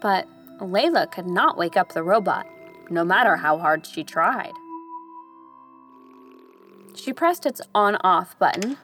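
A woman narrating a children's story in a gentle, expressive way. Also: lowish voice, slow, pauses often. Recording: narration over background music. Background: music.

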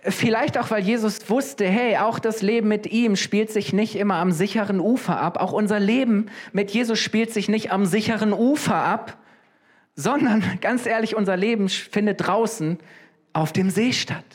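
Male preacher, casual sermon, lively, questioning the audience. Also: high-pitched, moderate pace.

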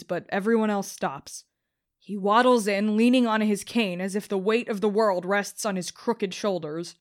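A woman narrating an audiobook in the first person as a vengeful young rebel, bitter and contemptuous. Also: mid-range voice.

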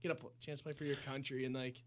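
A man co-hosting a casual hockey talk show, speaking in an ordinary mid-range voice. He gives his opinions plainly and at an easy, relaxed pace. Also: medium pitch, rapid-fire. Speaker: podcast co-host.

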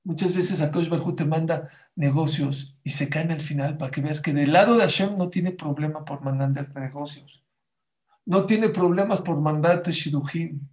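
Animated man teaching a religious lesson. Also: on the high side, moderate pace. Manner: animated, emphatic repetitions. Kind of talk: Torah lesson storytelling.

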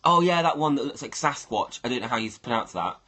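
A man's voice: mid-range voice, expressive, fast talker, sharp tone, slightly rough. A man hosting a casual livestream, rambling and thinking aloud as he talks to his viewers. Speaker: livestream host.

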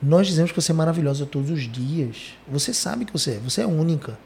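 A man hosting a conversational podcast, telling stories with lively emphasis. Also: a little high, quick pace, vocal fry, a little hiss or hum. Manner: animated storytelling, lively emphasis. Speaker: podcast host.

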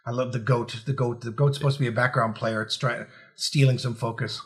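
A man's voice: mid-range voice, steady tone, a little fast. A man co-hosting a casual movie commentary, joking and riffing on scenes with frequent fillers. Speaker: podcast co-host.

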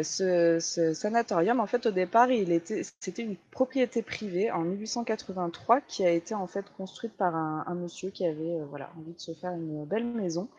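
A woman's voice: fairly low pitch, a little mellow, highs cut off. A woman hosting a casual talk show, chatting with many hesitations and fillers as she introduces a haunted place. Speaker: host.

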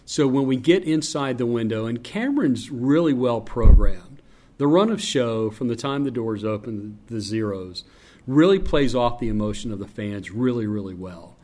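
Male PA announcer, deep voice, relaxed storyteller in interview, even mid pitch. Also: normal speed. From North Carolina. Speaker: public address announcer. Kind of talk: interview conversation.

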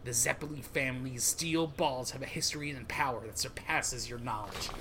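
A man voicing a grim, stoic male soldier-assassin in a manga read-along, with stiff, solemn, measured delivery. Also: mid-range voice, background noise, close to an everyday voice. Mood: cold.

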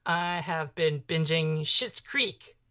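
On a podcast, a young adult co-host talks in a loose, meandering way, saying "like" again and again. He speaks slowly with a rather high, bright, forceful voice, and the recording comes across slightly muffled and dull.

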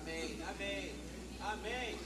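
A man's voice: high voice, level tone, slow pace, sharp tone, breathy edge. A man preaching a sermon, joking and laughing with the congregation. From Brazil. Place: church hall. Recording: long reverb of a church hall.

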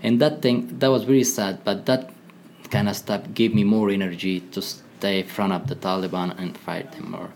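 A man with an Afghan accent, a former commando speaking as a podcast guest in halting English full of pauses and restarts. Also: low-pitched, level tone, gravelly, darkish tone, a little hiss or hum. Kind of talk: conversational interview.

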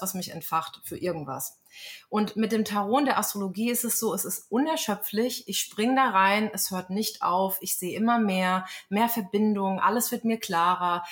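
A woman from Germany, an astrologer and tarot reader, a guest in an interview, telling stories in an animated way with frequent fillers. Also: mid-range voice. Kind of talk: casual interview conversation.

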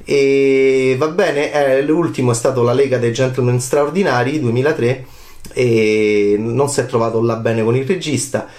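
Man in his forties, film critic type: animated monologue with rhetorical questions, mid-range voice, room echo on the recording. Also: normal speed. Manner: animated, rhetorical questions, pitch leaps up when excited. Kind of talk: passionate film commentary monologue. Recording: roomy echo.

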